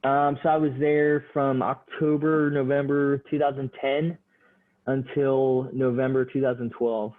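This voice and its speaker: Relaxed Marine pilot on a tinny line. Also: male voice, mid-range voice, a little slow. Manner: laid-back, many fillers and "like". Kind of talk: casual podcast interview.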